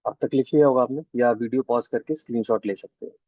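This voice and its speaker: A man's voice: medium pitch, mellow, no echo. Indian man teaching maths, dull dry sound. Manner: explains step by step, drawing out key terms slowly; checks in with students often. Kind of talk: online class lecture in mixed Hindi and English.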